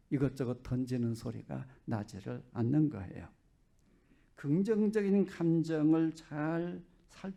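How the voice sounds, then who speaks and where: A man's voice: mid-range voice, creaky, mellow. A male pastor giving a Sunday sermon in a chatty, joking way, often asking the congregation rhetorical questions.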